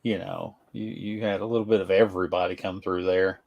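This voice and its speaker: A man's voice: low-pitched, steady tone, a little fast, gravelly, dull audio. A man co-hosting a livestream, chatting casually in a laid-back, plain-spoken way. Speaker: livestream co-host. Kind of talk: casual chat.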